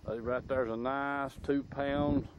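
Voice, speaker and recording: A man's voice: medium pitch, steady tone, slow pace. A man with a Southern US accent hosting a casual fishing show from a boat on a lake, speaking in a folksy way into a camera microphone. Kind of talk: casual outdoor fishing commentary. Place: outdoors in a boat on a lake at night. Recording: noisy outdoor camera recording on a lake.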